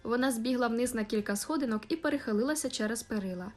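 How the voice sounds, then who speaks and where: Expressive woman reading an audiobook. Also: a little high, soft background music. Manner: measured, expressive storytelling. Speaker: audiobook narrator. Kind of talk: scripted narration.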